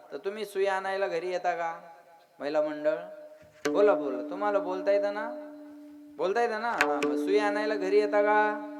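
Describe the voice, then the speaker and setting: A man giving a devotional kirtan sermon, quizzing and teasing his listeners and chanting verse lines slowly, with a live audience behind him. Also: sits high. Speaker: kirtan preacher. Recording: live crowd audible behind.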